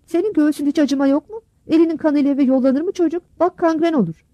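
An indignant village man pleading for mercy with reproach, as a woman reader acts him out. The voice is raised and warm. Recorded close and dry. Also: sits high, quick pace, no echo, voice pushed up, lightly acted. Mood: reproachful.

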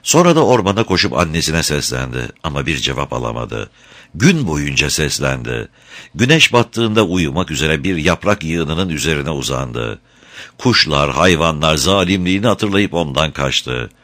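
A man narrating a fairy tale in an expressive, scripted storytelling style. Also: extremely low pitch, normal speed.

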